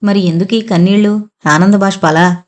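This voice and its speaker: A woman's voice: mid-range voice, steady tone, normal speed, natural voice. A woman reading as a teasing young husband. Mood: tender. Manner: playful, gently teasing.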